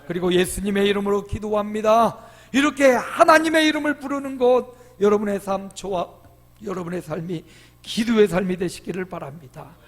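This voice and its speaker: High-voiced pastor preaching in a reverberant church. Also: male voice, moderate pace. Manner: emphatic preaching with dramatic quoted voices and loud swells. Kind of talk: sermon. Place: church sanctuary. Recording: long hall reverb.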